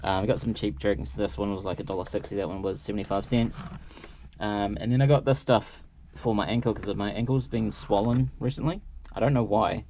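A New man vlogs casually from inside a car, rambling in an easygoing way. His voice is lowish and very mellow, relaxed and dark. The sound is a little dull, with faint noise behind it. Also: a little fast. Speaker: vlogger. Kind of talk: casual chat to camera, food taste test. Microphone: camera at arm's length. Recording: dull, noisy in-car camera audio.

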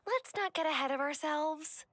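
A friendly young witch from a cozy video game, with a high, bright voice. She speaks in an encouraging, supportive way. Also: moderate pace, dry recording.

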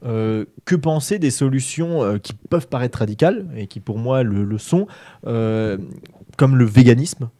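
A man's voice: medium pitch, unhurried, warm tone, dry recording. A young man co-hosting a casual discussion, asking questions into a handheld mic with hesitant fillers. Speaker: co-host.

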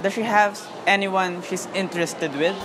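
Teen guy doing a sly scheming schoolboy, high voice, loud hiss behind. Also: fairly even intonation, normal speed, close to an everyday voice. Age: teens. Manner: calculating, coaxing. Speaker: student bargaining with a friend. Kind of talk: student short film acting. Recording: loud background noise.

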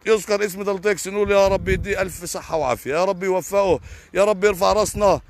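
Fast, heated young Egyptian farmer. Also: male voice, sits high, no room sound. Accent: Egyptian Arabic. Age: young adult. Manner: heated, indignant, fast and emphatic with repeated oaths. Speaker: potato farmer streaming live. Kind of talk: live stream reading viewer comments.

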